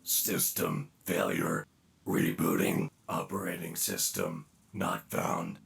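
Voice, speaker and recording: A broken-down robot stuck in the middle of rebooting. It reads out its status messages in a flat, mechanical way, with a rough, gravelly edge to the voice. The delivery is slow and unhurried, while the pitch still rises and falls a good deal. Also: male voice, heavily acted. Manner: flat, mechanical system announcements. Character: malfunctioning male robot rebooting its system. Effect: robot booting up. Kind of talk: video game voice acting.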